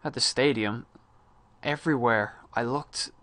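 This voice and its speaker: A man performing a dramatic monologue as an earnest, disillusioned high-school student, with hammy stage-actor pauses and swells. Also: fairly bright tone, no echo, close to an everyday voice. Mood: earnest, reflective.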